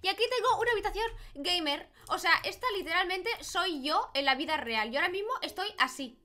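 A young gaming YouTuber from Spain, with an extremely high, sharp voice, lively intonation and a brisk delivery, casually comments on the game she's playing at home and squeals over cute things. She uses a desk microphone with headphones, and faint game music plays behind her.

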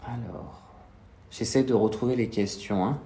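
The young host, whose s carries a slushy lisp, reads out viewers' questions in casual live-stream chat. His medium-pitched voice is steady and unhurried. The background is noisy, and since he's using a phone at arm's length in a small indoor room, the recording sounds echoey.

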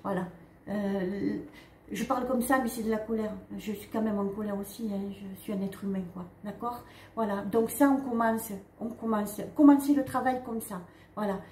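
A woman giving a casual spiritual card reading, talking straight to her viewers in a halting way with frequent "hein" and "d'accord" tags. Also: mid-range voice, steady tone, darkish tone. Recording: echoey room with faint ambient noise.

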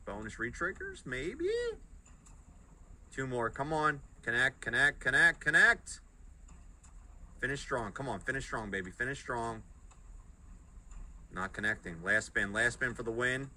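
A young man commentates live slot play in short, spaced-out phrases. His voice is very bright and forceful, with lively pitch. There is faint noise behind him. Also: unhurried, pauses often. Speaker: slot streamer. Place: indoor streaming setup.

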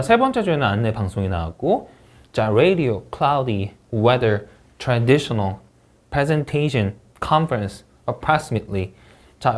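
A man's voice: mid-range voice, a little mellow. A middle-aged man teaching an online speaking-test prep lesson, explaining scoring rules emphatically and reading English words aloud for students to repeat. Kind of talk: online exam-prep lecture.

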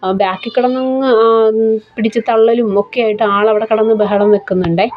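A young woman from Kerala, India, narrates her day at home for a cooking vlog from her kitchen, chatting homely and casually with frequent tag questions. Her voice is on the high side, steady, at normal speed, hoarse from a blocked throat, with highs cut off and rain in the background.

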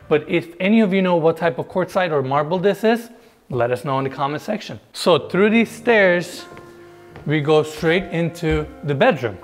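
A man in his thirties hosting a casual home tour, enthusiastic and chatty as he talks straight to viewers, on a lapel mic indoors. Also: on the high side. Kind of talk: casual walkthrough narration. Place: large indoor house basement.

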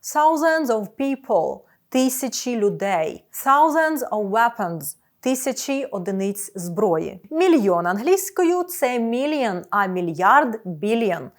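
A woman with a slightly high voice delivers a scripted video lesson. She speaks clearly and instructively, and slows down carefully whenever she pronounces an example. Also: sing-song. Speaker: English teacher.

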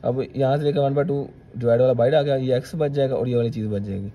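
A man's voice: medium pitch, fairly even intonation, fast, warm tone. A male maths teacher, talking students through each step of a solution and checking in with "theek hai".

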